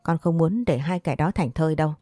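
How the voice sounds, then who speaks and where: Woman doing a bitter spoiled young woman, low mellow voice. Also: brisk, dry recording, clean studio sound. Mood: resentful. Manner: sulky, resentful.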